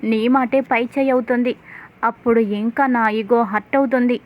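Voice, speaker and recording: Woman reading a stubborn young husband, high read-out voice, tinny phone-like sound. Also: fairly even intonation, moderate pace, lightly acted. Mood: proud.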